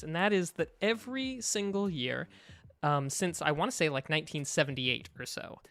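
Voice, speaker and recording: A man co-hosting a podcast, chatting casually and haltingly with frequent asides. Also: fairly high pitch, a bit bright, dry recording. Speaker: podcast co-host. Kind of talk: casual chat.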